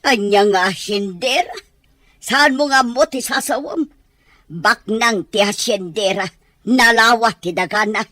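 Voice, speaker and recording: A woman plays a snobbish, sharp-tongued gossip who fires off scornful questions. Her voice is a little high. The sound is dry and close. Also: a little slow, no echo.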